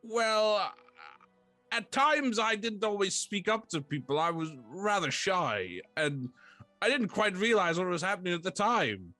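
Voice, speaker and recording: A man's voice: sits high, sing-song, unhurried, pushed and bright, no room sound, faint music behind, pitched above the performer's own voice, exaggerated voice. A man voicing a lonely, shy talking fort. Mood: wistful. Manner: politely formal and old-fashioned.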